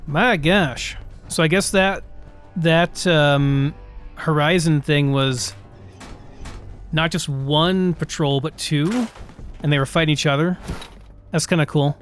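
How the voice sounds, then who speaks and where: Guy talking over his gameplay, kinda high voice, rambly, faint game music behind. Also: slow pace, long pauses. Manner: rambling, thinks aloud with restarts. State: hiccuping. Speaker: gameplay commentator. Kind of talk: casual gameplay commentary.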